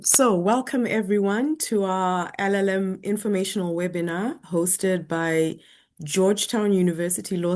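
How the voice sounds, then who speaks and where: A woman hosting and moderating an online webinar, speaking in a friendly, measured way with some fillers. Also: fairly low pitch, a little mellow. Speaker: webinar host.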